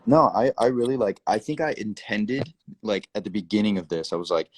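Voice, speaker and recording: A man's voice: on the low side, fairly quick. A young man hosting a casual livestream from home on his phone, joking loosely and playfully. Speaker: livestream host. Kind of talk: casual chat.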